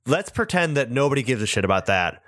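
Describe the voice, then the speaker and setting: A man's voice: mid-range voice, very animated, fast, fairly bright tone, dry recording, studio quality. A young man co-hosting a casual chat, rambling a little and laughing often. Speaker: podcast co-host.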